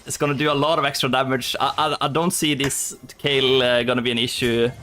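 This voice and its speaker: A man giving excitable play-by-play commentary on a live esports match. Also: quick pace, a little hiss or hum. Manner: excitable play-by-play, rising pitch on big plays. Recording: game music clearly behind the voice.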